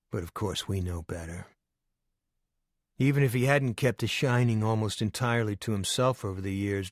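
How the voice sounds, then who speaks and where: A man reading an audiobook in a measured, hushed narration style, recorded on a close studio mic. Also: on the low side, dry recording.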